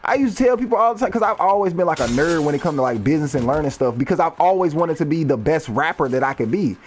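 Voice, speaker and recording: A man's voice: a little high, lively intonation, fast, a little hiss or hum. A man in his thirties, a rapper, rambling freely and swearing during casual gameplay commentary. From United States. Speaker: rapper and gaming streamer.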